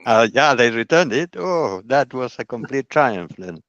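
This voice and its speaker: A man on an online group call, giving brief encouraging replies and introducing himself in an unhurried way. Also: mid-range voice, expressive, fairly bright tone, no echo, dull audio. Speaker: call participant.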